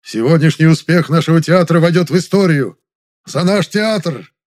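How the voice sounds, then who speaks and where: A man voicing a boastful theatre director who makes grand, loud toasts at a banquet in an audiobook. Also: on the high side, normal speed, pitched above the performer's own voice, lightly acted. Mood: triumphant.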